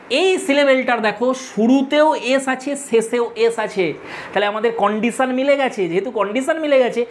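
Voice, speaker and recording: A woman teaches a grammar lesson in a patient, step-by-step way, going over each rule again for her students. Her voice sits at an ordinary middle pitch. A faint hiss of background noise runs under the recording. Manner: patient, repeats rules step by step.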